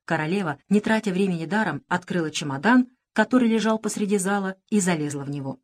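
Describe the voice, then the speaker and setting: A woman narrating a children's story in an expressive manner. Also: fairly low pitch, quick pace. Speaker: audiobook narrator.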